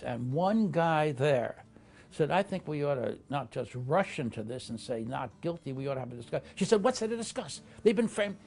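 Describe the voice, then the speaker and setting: An older man, a lawyer, telling stories from his career in a documentary interview, measured and reflective. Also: mid-range voice, gravelly. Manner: measured, reflective, acts out quoted voices. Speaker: interviewee, lawyer recalling cases.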